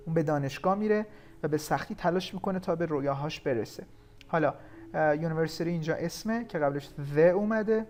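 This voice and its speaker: A man from Iran teaching an English grammar lesson, explaining patiently and slowing down to read English example sentences. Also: a little high, a little mellow.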